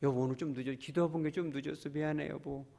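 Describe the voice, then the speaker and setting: A man quoting a gentle apologetic young wife. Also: fairly high pitch, fairly even intonation, fast talker, vocal fry. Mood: tender apologetic. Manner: soft, apologetic, tender.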